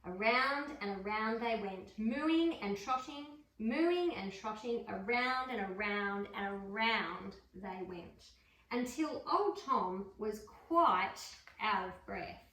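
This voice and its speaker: A woman reading a picture book aloud to a dog, adding gentle chatty asides between pages. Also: medium pitch, animated, slow. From Australia. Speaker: storybook reader. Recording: roomy room, mic far off.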